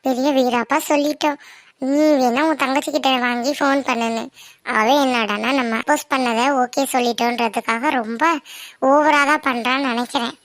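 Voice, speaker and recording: A woman's voice: high-pitched, fairly even intonation, normal speed, no room sound, clean studio sound, voice pushed down. A woman voicing a young woman in a cartoon who worries over her boyfriend and comforts her friend. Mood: fretting. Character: young woman in love, anxious and caring. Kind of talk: cartoon voice acting.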